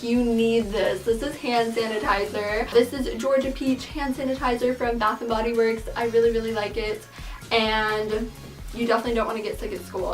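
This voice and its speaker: A young woman of eighteen chats breezily to her viewers, her voice a little higher than most. She sounds set back from the microphone, in a room that rings around her, with soft music playing underneath. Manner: chatty, upbeat, lots of "like" and "I really like". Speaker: beauty and lifestyle YouTuber. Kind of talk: casual vlog talk to camera. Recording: roomy sound, mic at a distance, light music behind.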